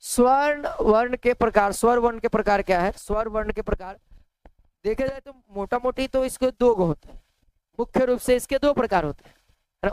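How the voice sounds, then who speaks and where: Male teacher, resonant and dry, dictates notes slowly, repeats phrases as he writes, checks in with tag questions. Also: sits high, smooth, no echo, poor audio. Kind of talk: online grammar lesson, dictating notes.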